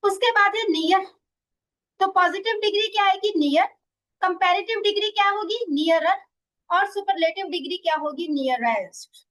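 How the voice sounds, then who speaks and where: A woman's voice: very high-pitched, fairly bright tone, rough recording. A woman teaching an English grammar lesson, explaining in Hindi mixed with English and asking and answering her own questions. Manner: reads English example sentences very slowly; addresses listeners as children and dear students.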